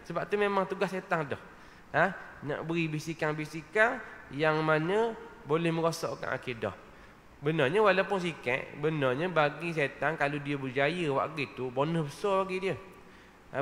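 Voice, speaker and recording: A man's voice: fairly high pitch, moderate pace, a bit bright, long reverb tail. A man giving an evening lecture in a mosque, talking conversationally and often checking with his listeners. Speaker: religious lecturer. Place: mosque hall.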